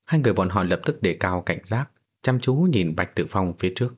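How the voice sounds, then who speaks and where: Male audiobook narrator, steady storytelling, low and husky. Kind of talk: scripted fantasy story narration.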